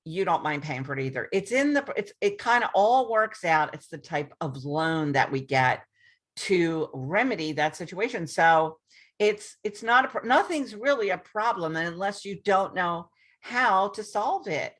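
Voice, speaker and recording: A woman's voice: fairly low pitch, animated, unhurried, a bit bright. A woman realtor talking casually to her viewers, with frequent restarts and ums. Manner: chatty, repeats herself, many restarts and ums. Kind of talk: casual explainer to camera. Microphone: screen-share video recording.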